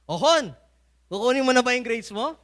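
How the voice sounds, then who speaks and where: A man acting out a furious middle-aged father who shouts and berates his son. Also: extremely high pitch, lively intonation, moderate pace, voice pushed up. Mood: eager.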